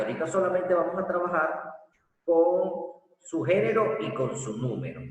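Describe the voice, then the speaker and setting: A man teaches grammar slowly and deliberately, putting questions to his listeners and answering them himself. His voice sits a little high. He is recorded from a distance in a room with a long, echoing reverb. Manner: slow, deliberate explaining with rhetorical questions. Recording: echoey room from far off.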